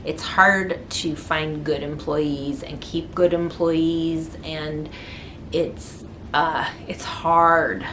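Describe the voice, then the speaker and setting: A woman's voice: fairly low pitch, a bit bright, a little hiss or hum. A middle-aged woman artist chatting casually to the camera in her studio, rambling with lots of ums and restarts. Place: indoor art studio.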